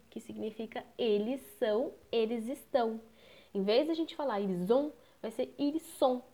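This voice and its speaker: A woman's voice: fairly high pitch, mellow. A woman with a Brazilian Portuguese accent, explaining French pronunciation rules as a teacher and answering her own questions. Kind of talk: pronunciation lesson.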